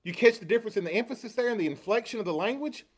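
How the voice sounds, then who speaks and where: A man's voice: sits high, animated, racing. A man preaching a sermon, asking rhetorical questions and acting out quoted lines with rising inflection.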